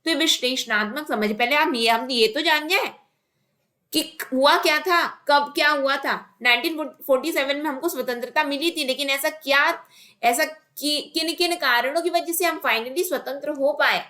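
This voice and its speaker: Woman teacher doing an online lesson, with words thrown in, bright sharp voice, asks stuff then answers it. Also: high voice, normal speed. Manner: explains by asking and answering her own questions. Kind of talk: online exam-prep lesson.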